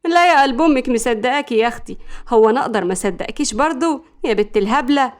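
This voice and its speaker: A sarcastic, scolding mother with an Egyptian accent, played by a woman narrator. She mocks her daughter in a raised, brisk voice. A sharp-tongued storybook mum. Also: a little high, lively intonation, natural voice. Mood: mocking. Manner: mocking, scolding.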